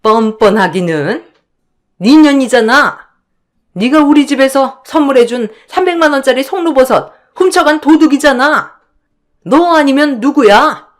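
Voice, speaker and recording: A woman voicing a scornful middle-aged sister-in-law who shouts accusations. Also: fairly high pitch, animated, measured pace, pitched above the performer's own voice. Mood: shouting.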